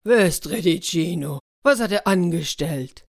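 A woman doing a loud, blustering wolf. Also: lowish voice, animated, a little slow, creaky, full character voice. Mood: indignant. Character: gullible, blustering male wolf.

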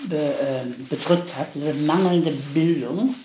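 An older woman in an interview, telling her life story candidly, halting at times and pressing hard on key points. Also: low-pitched, background noise.

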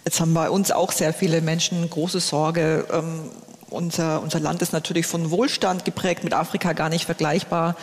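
A man interviewing a guest, asking measured questions. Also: on the high side, little pitch movement. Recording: long reverb.

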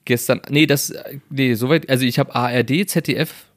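A man's voice: medium pitch, steady tone, fairly quick, no echo, studio quality. A man co-hosting a podcast in casual chat, laughing often and rambling with many restarts. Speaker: podcast co-host.

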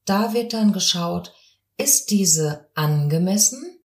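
A woman voice coach talks through a podcast lesson at an unhurried, measured pace. Her voice sits a bit low and she explains calmly, one question after another. The room around her rings with a noticeable echo. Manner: calm, explanatory, demonstrates voice sounds.

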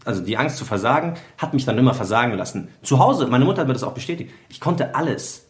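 A man's voice: mid-range voice, very animated, quick pace. A young man telling a personal story in casual chat, earnest and vivid, acting out quotes and dropping English slang.

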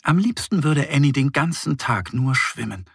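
A man narrating a scripted children's story in a gentle, expressive reading style. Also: medium pitch, normal speed, creaky, breathy edge, dry recording, clean studio sound.

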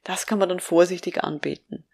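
Middle-aged woman trainer, lowish pitch, calm and advisory, explains in clear steps. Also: fairly quick. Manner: calm, advisory, acts out example phrases. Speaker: prevention trainer. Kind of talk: instructive podcast talk.

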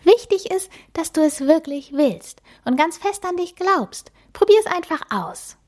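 A woman voicing a cheerful little female magic mouse in a children's storybook reading, bouncy and encouraging, with a breathy voice. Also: extremely high pitch, animated, unhurried, a little mellow, pitched above the performer's own voice.

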